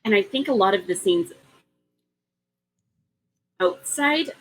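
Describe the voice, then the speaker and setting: Speaking slowly in a medium-pitched, sing-song voice that is a bit bright, a woman on a casual book podcast makes an extended, careful argument. She co-hosts the show, uses many ums and restarts, and the recording is rough.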